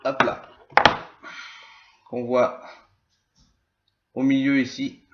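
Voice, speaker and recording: A man giving a casual hands-on tutorial as a gear reviewer, talking slowly and hesitantly with many filler sounds. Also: medium pitch, level tone, very noisy. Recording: echoey room, dull lo-fi sound.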